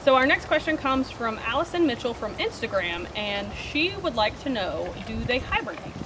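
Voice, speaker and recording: A woman's voice: fairly high pitch, very animated, moderate pace. A cheery, friendly woman hosting a video in an upbeat presenting style, reading out audience questions. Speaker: video host. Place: outdoors at a theme park. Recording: clear outdoor ambient noise.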